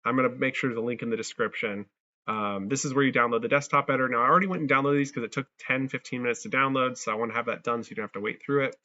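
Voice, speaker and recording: A man talks through a software install in a loose, chatty way, narrating each click as he goes. His voice is bright and forceful, but it comes through crunchy and distorted, with a dull, lo-fi edge from a clipping mic. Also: mid-range voice, very fast. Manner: chatty, thinks aloud while clicking through steps. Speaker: tutorial creator. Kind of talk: casual screen-recorded software tutorial. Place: abroad, working on a laptop.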